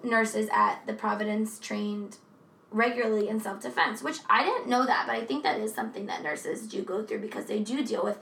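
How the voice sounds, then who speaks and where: A woman co-hosting a casual true crime chat, talking in a chatty, profane way with animated asides. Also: mid-range voice, moderate pace, gravelly, echoey room, far from the mic, a little hiss or hum, rough recording. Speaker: podcast co-host.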